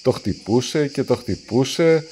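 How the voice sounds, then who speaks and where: A man reading a children's storybook aloud, lively and acting out the characters' lines. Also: mid-range voice, slight background noise. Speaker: storybook reader.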